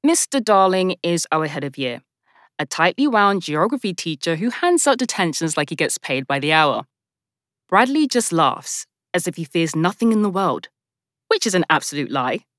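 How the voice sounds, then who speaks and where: A woman reads a first-person novel aloud with a wry, sardonic edge. Her voice sits low but swings widely in pitch, and the recording is dry and close. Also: very animated, moderate pace, a bit bright, no echo. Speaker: audiobook narrator.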